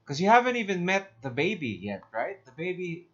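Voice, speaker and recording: A man's voice: sits high, very animated, a little fast, a bit bright. Laid-back swearing man, lo-fi sound. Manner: casual, swears, says "bro" and "dude". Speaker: podcast co-host. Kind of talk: casual chat. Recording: dull lo-fi sound.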